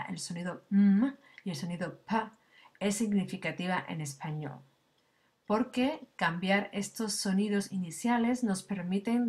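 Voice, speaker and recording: A woman with a somewhat low voice lectures as a language teacher. She explains things patiently, step by step. She checks in with a tag question now and then and corrects her own slips as she goes. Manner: fillers and small self-corrections. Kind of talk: recorded lecture.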